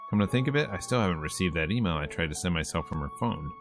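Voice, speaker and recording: His voice sits low but races along with lively intonation as he streams a game, reading its text out loud and acting out lines amid casual jokes. Visual novel music and character voices play behind him.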